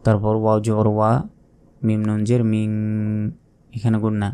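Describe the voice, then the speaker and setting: A man with a Bangladeshi Bengali accent teaching a Quran recitation lesson, explaining pronunciation and chanting verses slowly. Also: lowish voice, monotone, mellow, clear, resonant tone.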